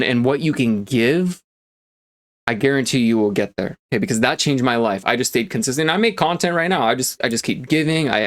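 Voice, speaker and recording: A man with an average-pitched voice talks as a motivational coach, casual and full of energy. He leans hard on his points, scatters fillers through his speech and swears now and then for punch. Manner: energetic and emphatic, filler-heavy, swears for emphasis.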